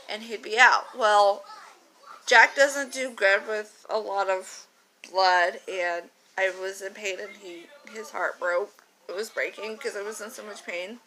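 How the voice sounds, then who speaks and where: A woman's voice: mid-range voice, sharp tone, slight background noise, rough recording. A young woman telling a personal story casually to her phone camera, chatty and frank, rambling with fillers and the odd swear word.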